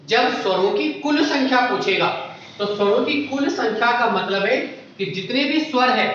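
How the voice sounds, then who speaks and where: Male teacher, high voice, explaining step by step with questions to the class; roomy, lo-fi recording. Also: lively intonation, normal speed, fairly bright tone, slight background noise. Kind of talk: exam-prep Hindi grammar lecture. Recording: echoey room, dull lo-fi sound.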